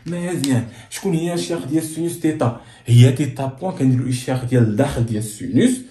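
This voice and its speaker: A man's voice: mid-range voice, expressive, rapid-fire, dark tone. A man with a Moroccan Arabic accent teaching physics at a board, asking and answering his own questions to keep students following. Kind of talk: blackboard lesson. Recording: echoey room.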